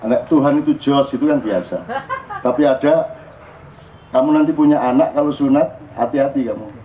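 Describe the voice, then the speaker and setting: A man's voice: mid-range voice, normal speed. An older man with an East Javanese accent giving an informal, playful sermon to a gathering, teasing the crowd and acting out exclamations. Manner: playful, teasing, laughs often, acts out exclamations. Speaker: preacher leading a public religious gathering. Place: outdoor plaza gathering. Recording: dull live outdoor recording, faint background noise.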